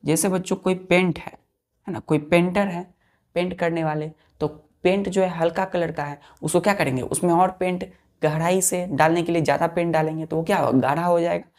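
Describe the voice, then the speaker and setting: Low, slow, gravelly woman teaching vocabulary. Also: fairly even intonation, darkish tone. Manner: spells words letter by letter and quizzes the children. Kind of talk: slow repetitive classroom teaching.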